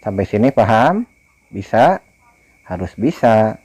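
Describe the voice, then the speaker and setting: A man's voice: lowish voice, big pitch swings, a little mellow. A young man teaching children a Quran recitation lesson over distance learning, patiently repeating words and correcting pronunciation. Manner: recites verses slowly and drawn out, then explains pronunciation to children. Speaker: religion teacher.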